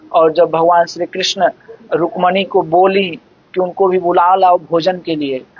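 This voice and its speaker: Brief: scripture-discourse speaker, very slow and measured, dull lo-fi recording. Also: medium pitch. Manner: measured, explanatory, recites verses slowly. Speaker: devotional scripture expounder. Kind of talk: devotional discourse explaining scripture.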